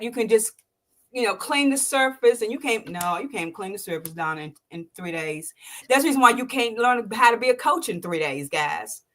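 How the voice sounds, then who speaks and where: In an interview, a sixty-something woman who hosts a podcast delivers a heartfelt personal story. She's an animated storyteller who jumps sharply in pitch while acting out quotes and goes soft and low when emotion rises.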